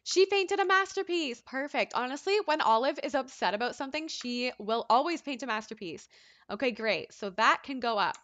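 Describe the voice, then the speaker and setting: A woman's voice: on the high side, a little fast, a bit bright, no room sound. A young woman casually commenting on a life-sim game she is playing, chatty and dramatic, sometimes voicing the game characters. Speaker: let's play host.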